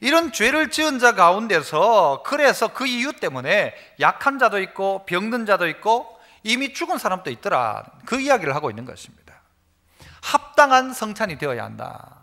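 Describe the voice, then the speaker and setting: A man's voice: high voice, sing-song, normal speed, pushed and bright. A male pastor preaching a sermon at a church service, emphatic, having the congregation repeat phrases and telling homely stories to make his point. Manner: storytelling with homely examples.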